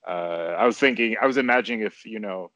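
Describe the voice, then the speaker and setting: Male guest, lowish pitch, dry sound, hesitant and loose, lots of filler words. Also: fast talker, a bit bright, no echo, lo-fi sound. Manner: hesitant, full of fillers and restarts. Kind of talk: casual conversation.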